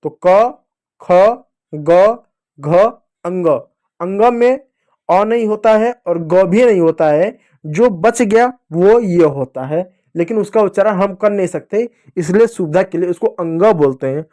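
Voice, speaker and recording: A man's voice: high voice, expressive, normal speed, warm tone. A male teacher giving a reading lesson to young children, patiently repeating each sound, asking questions and answering them himself, and calling his listeners dear children. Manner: addresses children fondly as dear kids.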